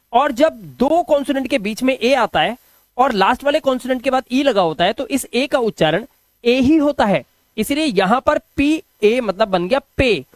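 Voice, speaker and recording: A man's voice: extremely high pitch, no echo. A man teaching English pronunciation rules in Hindi, patiently spelling out words letter by letter.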